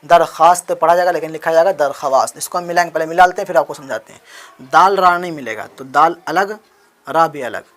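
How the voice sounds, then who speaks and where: Talking fast in a fairly high, slightly bright voice, a man teaches Urdu handwriting in an explanatory lesson. He spells out each letter patiently and answers his own questions while writing.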